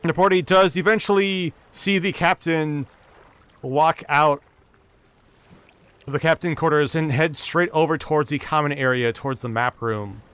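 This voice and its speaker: A man narrating a tabletop game as its dungeon master. His voice is smooth and resonant and sits a bit high for a man. He tells the scene steadily, restarting a word here and there. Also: normal speed, a bit bright, no room sound.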